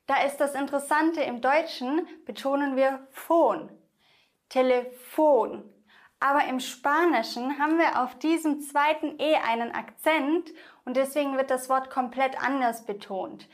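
A young woman gives an online language lesson in a somewhat high voice. She speaks slowly and deliberately, repeating each example word so the listener can say it after her. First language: German. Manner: slow, careful, repeats example words for the listener to echo. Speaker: Spanish pronunciation teacher.

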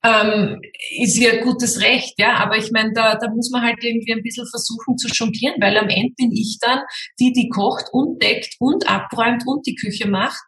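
Woman, slightly high voice, reflective, thinks aloud, roomy sound, set back from the mic. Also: steady tone, moderate pace, a bit bright, recorded from a distance. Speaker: guest, mother of two. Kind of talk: casual conversation.

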